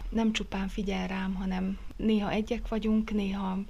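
A woman pastor talking in an earnest, thoughtful way, at times soft and breathy. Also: mid-range voice, little pitch movement, highs cut off. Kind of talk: reflective interview talk.

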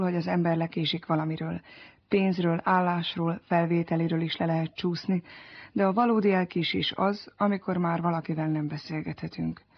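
Husky-voiced woman radio host. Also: on the low side. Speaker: radio program editor and host. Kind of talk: scripted radio narration and interviewing. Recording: dull lo-fi radio recording.

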